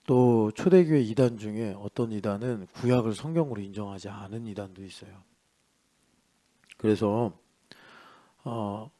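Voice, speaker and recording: A male pastor preaching an early-morning sermon in a chatty way, asking rhetorical questions and swinging between loud and soft. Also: on the low side. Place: church.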